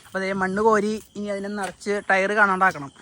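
A woman talks to her viewers in a relaxed home vlog, a bright voice with an edge to it. She chats and gives quick instructions to helpers in an outdoor yard, with faint noise behind her. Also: medium pitch. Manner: chatty, directing helpers while filming. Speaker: vlogger. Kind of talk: casual family vlog chat.

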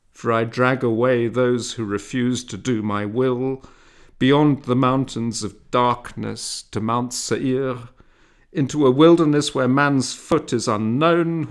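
Storybook demon voiced by a man: hollow and booming, slow drawn-out threats, gravelly low tone. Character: menacing male demon, a man in disguise.

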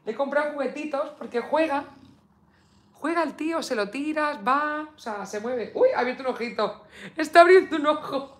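A woman's voice: high voice, lively intonation, normal speed. A woman from Spain chatting casually on a live stream, full of fillers and reading viewer comments aloud. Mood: cooing. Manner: coos baby talk at her dog. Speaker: beauty vlogger live streaming.

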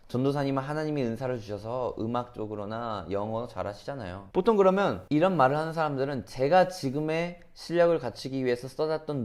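A man's voice: mid-range voice, a little mellow. A man preaching as a youth pastor in an earnest sermon, often putting rhetorical questions to his listeners.

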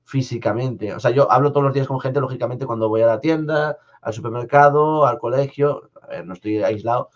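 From a home studio, a young man with a Spanish-from-Spain accent runs a casual live stream, reading viewer comments in a mid-range voice. He answers in a soft, faltering manner with many restarts. The audio is slightly dull, lo-fi stream sound.

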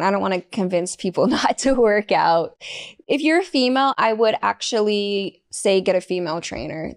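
A young woman hosting a podcast, talking candidly and bluntly in a casual chatty way. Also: medium pitch. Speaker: podcast host. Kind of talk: casual solo podcast talk.

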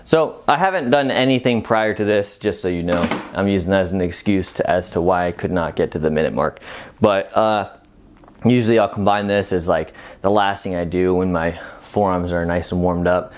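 A man in his thirties talking casually to camera as a fitness vlogger during a workout, informal and halting between efforts. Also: sits low. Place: home gym room, indoors.

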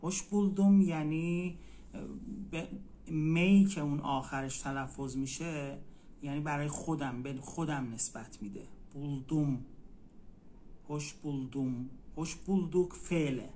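A man teaching a language in a casual live stream, patiently repeating words slowly. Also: fairly high pitch, warm tone, slight background noise.

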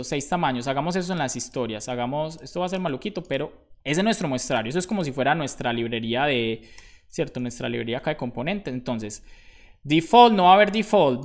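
A man's voice: on the high side, vocal fry. Guy live coding, talks to himself while typing, jokes about his own mistakes. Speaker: programmer streaming live. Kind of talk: casual live-coding tutorial.

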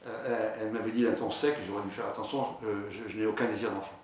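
A man's voice: lowish voice, steady tone, fast. Man, doctor giving a conference talk, hesitant and chatty, very echoey hall, distant mic. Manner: conversational, hesitant, many fillers and restarts. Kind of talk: lecture with patient anecdotes. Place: lecture hall.

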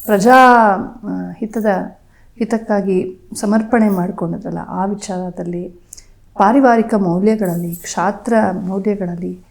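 Woman, gravelly, mid-pitched, measured storyteller with fillers. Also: steady tone, warm tone. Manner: measured, with frequent hesitation fillers. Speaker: podcast guest speaker. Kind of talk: explanatory storytelling in conversation.

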